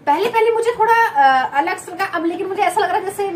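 Cooking in her home kitchen next to a window facing a busy highway, a young Uttarakhandi vlogger chats to a fixed camera in a very high-pitched, expressive voice. She talks fast and rambles with lots of fillers, and a slight hiss or hum runs underneath.

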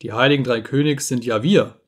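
A man's voice: medium pitch, brisk, close to an everyday voice. A man voicing a kindly, fatherly old bearded king who speaks in coaxing in a storybook reading.

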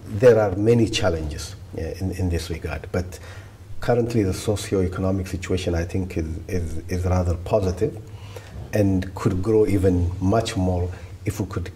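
An Ethiopian man in his fifties, a development bank regional director, appears as a guest in a studio interview, seated in a wicker chair and recorded on a lapel mic. His low-pitched voice gives measured policy answers in a deliberate, steady manner with repeated restarts. There's a little hiss or hum.

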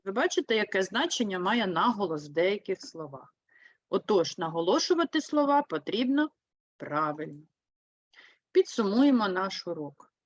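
Lively Ukrainian woman teaching young kids. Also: medium pitch, dry recording, highs cut off. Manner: slow, clear, explains with lively emphasis. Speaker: primary school teacher. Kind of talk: online lesson for third graders.

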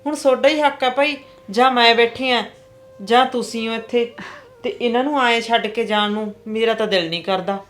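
Woman, Punjabi accent, aunt role, gentle, pleading, slightly high voice. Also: normal speed, faint music behind. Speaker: actress playing an aunt. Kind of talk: drama acting.

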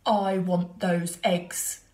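A woman voicing a greedy, slow bear that growls out loud threats. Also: lowish voice, flat delivery, roomy sound. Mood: menacing.

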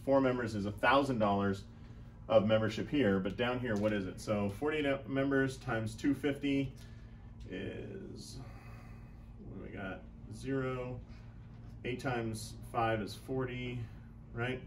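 A man in his thirties coaches clinic owners through a whiteboard lesson, thinking aloud as he works each sum out. His voice sits at an ordinary middle pitch. A lapel mic in a small room catches him over a faint background hiss. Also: slow. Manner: casual, thinks aloud while doing sums. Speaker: chiropractic business coach.

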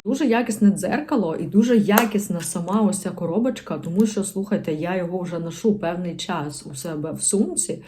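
A woman's voice: on the low side, a little fast, hardly any pauses, warm tone, slight background noise. A woman beauty vlogger in a casual show-and-tell chat to camera, chatty and rambling with slangy asides.

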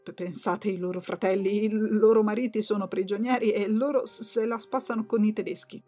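A woman's voice: medium pitch, fairly even intonation, fairly quick, warm tone, faint music behind, natural voice. Woman doing a scandalized, stammering viscountess. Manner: vehement, stammering with outrage. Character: indignant prudish middle-aged viscountess, scandalized gossip.

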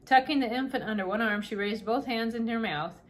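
A woman reading a children's novel aloud, unhurried and gently expressive, doing little voices for the characters. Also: a little high. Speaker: storybook reader.

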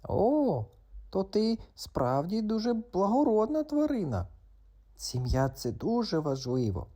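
A man voicing a cheeky, talkative little male frog who croaks between his words in a children's audiobook. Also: fairly high pitch, very animated, takes it slowly, mellow, voice pushed up, heavily acted. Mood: chatty, eager.

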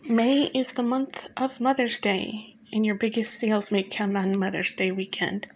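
A woman gives a calm, instructive voice-over, talking straight to the listener as she walks through the year. Her pitch sits in an ordinary middle range. Her delivery is steady and unhurried. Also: slightly rough, rough recording. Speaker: flower farmer and channel host. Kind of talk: scripted voice-over narration.

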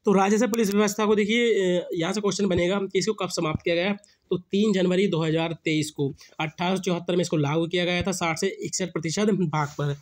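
A young man with a sore throat, an exam prep teacher, records a voice-over for a screen recording as he goes through quiz slides, posing each question and then repeating the answer. His voice is high, steady in tone, and brisk.

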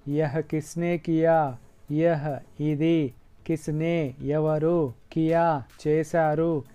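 Slow, deliberate male Hindi teacher. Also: a little high, little pitch movement, warm tone, clear, resonant tone, faint music behind. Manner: repeats each phrase slowly and deliberately. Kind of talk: slow language lesson, repeating phrases.

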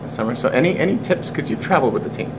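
A man's voice: medium pitch, rapid-fire. A man in his thirties hosting a casual interview, eager and rambling with many restarts, recorded on a handheld camera at arm's length in a small locker room. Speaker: interviewer, video host. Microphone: camera phone at arm's length. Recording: noisy room with steady hum.

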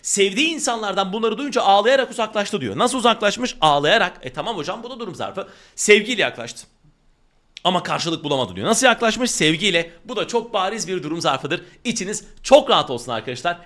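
Man teaching, emphatic, talks to students, high voice, very lively pitch. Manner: animated, emphatic, addresses students directly. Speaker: Turkish teacher. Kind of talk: grammar lesson.

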